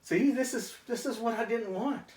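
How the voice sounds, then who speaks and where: A man playing a stressed, frustrated husband and father in a therapy role-play, confessional and halting in his delivery. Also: on the low side, close to an everyday voice. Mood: agitated, bitter. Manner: halting, hesitant, confessional, with frequent trailing phrases. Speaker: therapy client. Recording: echoey room, distant mic, faint noise.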